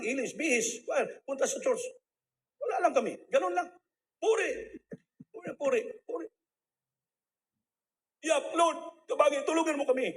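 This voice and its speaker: A middle-aged male preacher gives a testimony sermon in a high voice, talking conversationally and slipping English phrases in. Faint noise sits under the recording.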